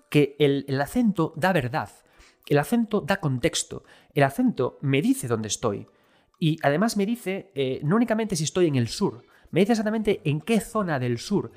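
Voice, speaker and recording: A man's voice: a little high, a little mellow. A man from Galicia talking casually and enthusiastically to his viewers about video games. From Galicia, Spain. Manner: enthusiastic, conversational, addresses viewers directly. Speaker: video game commentator. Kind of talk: casual spoken game review.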